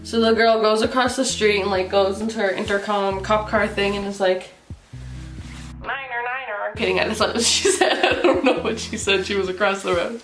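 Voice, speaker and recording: A young woman telling a story in a casual vlog, laughing often and saying "like" a lot, putting on voices for the people in the story. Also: mid-range voice. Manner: giggly, laughs through the story, heavy use of "like"; acts out other people's lines in animated voices. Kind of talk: casual storytime while getting ready. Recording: echoey room with faint music.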